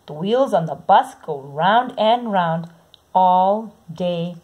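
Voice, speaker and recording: A woman reads a children's book in an unhurried, sing-song manner. Her voice is a little breathy and soft-edged. She says the repeated sound words quietly and keeps an easy, steady rhythm. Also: lowish voice, dull audio. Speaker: storybook reader. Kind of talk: reading a picture book aloud.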